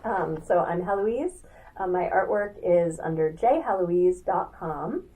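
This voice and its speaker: A woman artist talking as a podcast guest in a casual, animated way, laughing often and filling with "like" and "you know". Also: on the low side, measured pace, distant mic, low-quality recording. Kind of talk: casual conversational interview.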